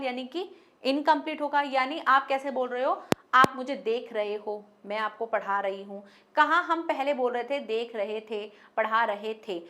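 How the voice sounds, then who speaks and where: A woman's voice: high voice, pushed and bright, slight background noise. A young woman teaching Hindi grammar to students online. She works through everyday example sentences and mixes English words into her Hindi.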